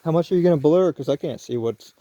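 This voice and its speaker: A man's voice: fairly high pitch, fast, warm tone, lo-fi sound. A man vlogging casually outdoors at night near a camper, rambling and correcting himself as he goes.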